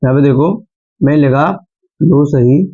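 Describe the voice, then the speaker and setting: A man's voice: mid-range voice, steady tone, unhurried. A young man teaching a math lesson at a board, patiently repeating steps and quizzing his students. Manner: patient, repeats steps and asks the class questions. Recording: dull lo-fi sound.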